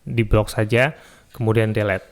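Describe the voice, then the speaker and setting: A man hosting a screen-recorded software tutorial, explaining each step calmly and adding "ya" and "eh" often, recorded on a studio microphone. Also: on the low side, moderate pace. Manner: relaxed step-by-step explaining with frequent "ya" and "eh". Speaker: YouTube tutorial host. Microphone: studio mic through an audio interface.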